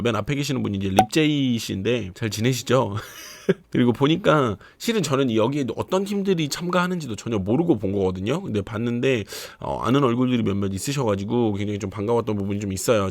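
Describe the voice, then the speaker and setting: A man's voice: fairly low pitch, vocal fry, a little mellow, dry recording. A man in his thirties, a dance trainer, chatting casually to viewers as he explains dance clips step by step. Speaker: dance trainer reviewing a show. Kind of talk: casual video commentary.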